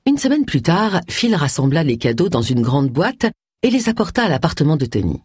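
Husky, expressive audiobook narrator. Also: mid-range voice, a little fast, no echo, studio quality. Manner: expressive, shifts voice for each character. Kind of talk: scripted novel narration.

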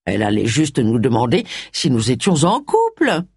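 A woman voicing a middle-aged gentleman with a dry, teasing manner, in a low, soft, murmured voice. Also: wildly swooping pitch, normal speed, creaky, husky, no room sound, heavily acted. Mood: protesting.

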